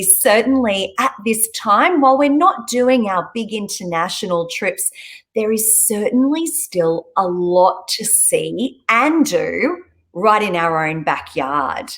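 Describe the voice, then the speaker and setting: A woman hosting a live online interview, upbeat and effusive as she welcomes her guest. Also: mid-range voice. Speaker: host.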